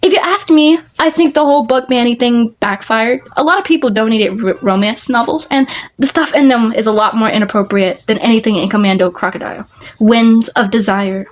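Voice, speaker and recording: A woman's voice: a little high, brisk. A woman vlogger casually reading a book aloud, stumbling over words and restarting lines.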